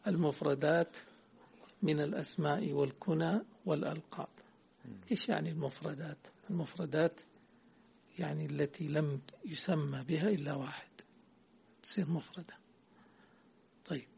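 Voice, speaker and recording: A man's voice: a little high, fairly even intonation, moderate pace, gravelly, pauses often, darkish tone, breathy edge. A man teaching a hadith text in class, quizzing his student and correcting the readings.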